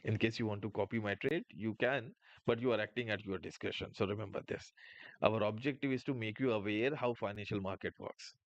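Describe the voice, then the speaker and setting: A man's voice: on the low side, fairly quick, no echo, lo-fi sound. A man hosting a live trading stream, explaining market moves and answering chat questions with frequent filler sounds.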